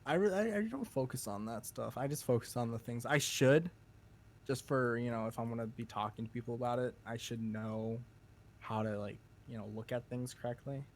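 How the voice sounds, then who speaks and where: A man's voice: medium pitch, brisk. A young man from Minnesota with a Minnesotan accent, chatting casually in a rambling way, laughing often and restarting his sentences. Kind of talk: casual chat.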